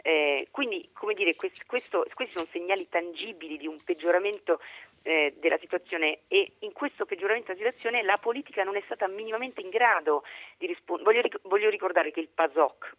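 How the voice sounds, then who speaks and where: A man's voice: high-pitched, fairly quick, a bit bright, dry recording. A man giving unscripted political commentary as a radio guest by phone, hesitant and circling for the right word. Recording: narrow, tinny telephone line.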